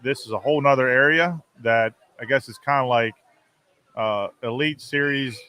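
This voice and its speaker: A man's voice: medium pitch, moderate pace, pushed and bright, clean tone. A man in his forties chatting casually as a fishing show co-host at an event, phrasing things hesitantly in small pieces. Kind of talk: casual live-stream chat at an event. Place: booth in a large expo hall. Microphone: close podcast microphone.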